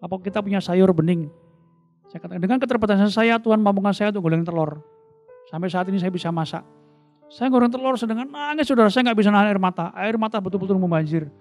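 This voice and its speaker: Fervent high-voiced middle-aged man, soft guitar behind. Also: fast talker. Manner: fervent, voice swinging from hushed to loud. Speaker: testimony speaker. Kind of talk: emotional personal testimony. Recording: soft guitar music underneath.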